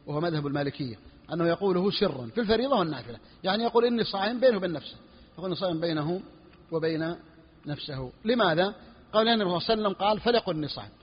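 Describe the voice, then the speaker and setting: A man's voice: high-pitched, breathy edge, long reverb tail, lo-fi sound. A man, a sheikh, teaching a religious law lesson, explaining a text and repeating his key phrases for emphasis. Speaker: sheikh teaching a fiqh book.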